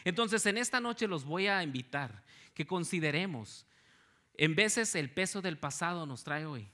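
A man's voice: fairly high pitch, lively intonation, a little slow, pushed and bright. A man preaching a sermon to a congregation, telling stories and asking them rhetorical questions. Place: church service.

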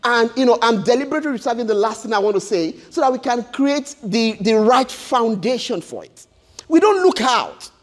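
Male preacher, emphatic sermon delivery, repeats and restarts phrases, very high pitch. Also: animated, brisk. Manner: emphatic and repetitive, with stammered restarts.

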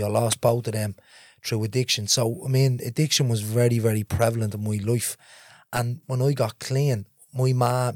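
Dublin guy on a podcast, earnest storyteller, mid pitch, dry close mic. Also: no echo. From Ballymun, Dublin, Ireland. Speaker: interview guest. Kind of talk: candid storytelling.

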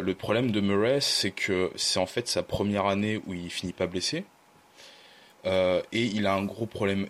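Low-voiced man in casual debate. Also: fairly bright tone. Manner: thoughtful, hesitant with many fillers. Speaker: podcast guest, team fan. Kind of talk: casual podcast discussion.

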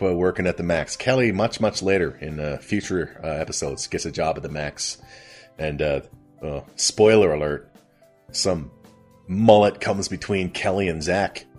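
A man's voice: low-pitched, breathy edge. A man hosting a casual comedic recap of a TV episode, rambling and amused at his own retelling. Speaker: host.

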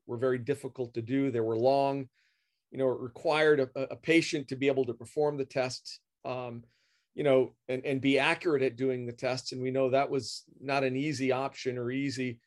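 A man's voice: mid-range voice, little pitch movement, normal speed. A middle-aged man answering interview questions as a guest expert, explaining at length with many fillers and repeated words. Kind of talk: professional interview.

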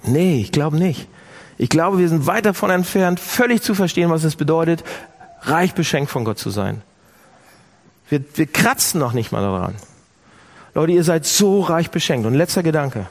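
A man preaching a sermon, speaking directly to his listeners with lively emphasis. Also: on the high side, normal speed. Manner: animated, addresses listeners directly.

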